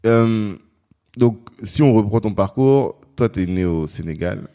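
A man's voice: lowish voice, animated, a little slow, mellow. A man hosting a podcast interview, casual and chatty, with frequent short acknowledgements to his guest. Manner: frequent short backchannels, laughs easily. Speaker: podcast host.

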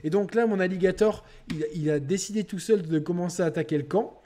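Brief: male podcast host, rambling gamer chat, full of fillers, higher voice. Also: a little fast. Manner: rambling, lots of fillers, gets excited and laughs. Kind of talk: casual gaming podcast chat.

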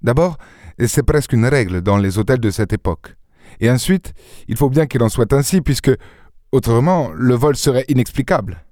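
Brief: male reader doing a composed, faintly dogmatic gentleman detective in an audiobook, mid-range voice, dry studio sound. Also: medium pitch, normal speed, dry recording, natural voice. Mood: assured. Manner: calm, assured, slightly lecturing. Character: calm, self-assured gentleman sleuth, dogmatic.

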